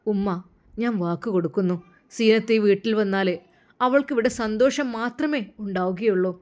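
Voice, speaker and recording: A woman's voice: medium pitch, moderate pace, a little mellow, close to an everyday voice. A woman voicing a serious, dutiful young man making a solemn promise to his mother.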